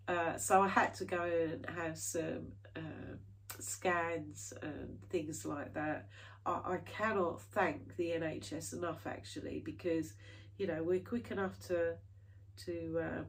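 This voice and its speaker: A British cross-stitch vlogger chats casually to camera, her low, creaky voice picked up by a distant mic. She rambles to her viewers with plenty of fillers and restarts, and hay fever leaves her nose a little stuffy.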